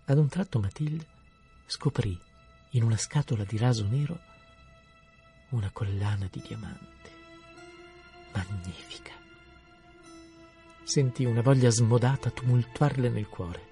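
A man reading a story aloud in a measured, expressive way. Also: medium pitch, faint music behind. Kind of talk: scripted story narration.

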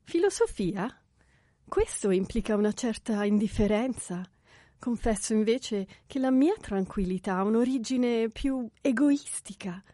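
A man voicing a calm young English governess in an audiobook, measured and slightly ironic. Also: high voice, dry recording, clean studio sound, voice pushed up. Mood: cool.

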